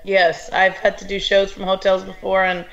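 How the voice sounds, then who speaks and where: A woman's voice: mid-range voice, monotone, moderate pace, creaky, lo-fi sound. A woman co-hosting a live stream, chatting casually in an easygoing, giggly way. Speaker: co-host.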